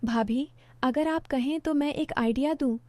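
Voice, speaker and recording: A woman's voice: high voice, a little slow, warm tone, dry recording. A woman voicing a coaxing, greedy young man in a spoken story, with a persuasive, wheedling manner.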